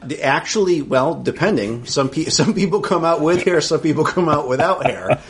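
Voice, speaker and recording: A podcast host from Central New York keeps a casual interview chat friendly and talkative, often repeating words as he gets a sentence going. His voice is on the high side and he talks at a normal speed.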